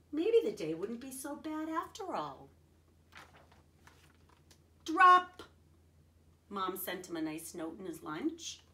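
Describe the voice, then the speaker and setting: Her mid-range voice has a sharp tone as she reads a picture book to children expressively. She pauses to give simple explanations and check in with her young audience, and the recording is echoey and distant from the mic.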